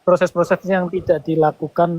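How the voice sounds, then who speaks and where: A man in a casual live-stream discussion who asks quick, probing questions. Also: sits high, level tone, crowd noise, low-quality recording.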